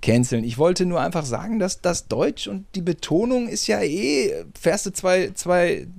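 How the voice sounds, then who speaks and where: A man hosting a casual podcast, his voice sitting a little high and swinging widely in pitch. He talks animated and self-mocking, dropping the odd swear. The sound is dry and close to the mic. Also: measured pace, creaky, no echo. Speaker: podcast host.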